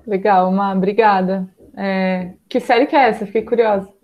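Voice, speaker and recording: A woman's voice: mid-range voice, steady tone, moderate pace, lo-fi sound. A woman moderating an online study group, speaking in a friendly, informal way. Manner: friendly, informal, uses slang. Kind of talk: casual online discussion.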